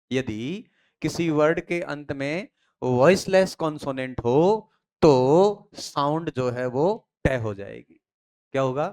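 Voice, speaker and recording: In a slightly high, clear, resonant voice, a man from India teaches pronunciation in a classroom lecture. As an English teacher, he asks the students questions, answers them himself, and drills key phrases repeatedly.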